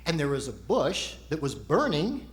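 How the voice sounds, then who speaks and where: A man's voice: on the high side, huge pitch swings, moderate pace. A man performing as a ventriloquist's straight man, asking patient, explanatory questions in a conversational stage routine.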